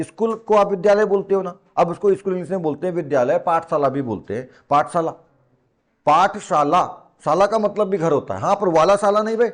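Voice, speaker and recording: A man from teaching a lesson in a classroom, colloquial and teasing, who repeats key words and throws rhetorical questions at his students. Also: sits high. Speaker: coaching teacher. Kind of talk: classroom lecture.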